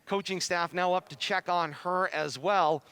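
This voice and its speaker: A man calling high school basketball play-by-play with a New England accent, his voice jumping up loud on big plays. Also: a little slow, smooth. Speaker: play-by-play announcer.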